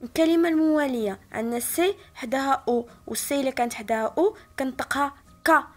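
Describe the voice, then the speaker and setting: A woman teacher with a Moroccan Arabic accent, patiently explaining a French spelling lesson and spelling out each word slowly. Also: high voice, soft background music. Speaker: primary school teacher.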